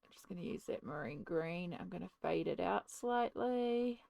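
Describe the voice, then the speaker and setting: Woman art host, low-pitched, casual step-by-step chatter at a desk mic, dry and close. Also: expressive, moderate pace, gravelly, dry recording, lo-fi sound. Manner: chatty, narrates each step while working; talks one-handed with a cat in her lap. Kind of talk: casual narration while colouring. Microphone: desk microphone.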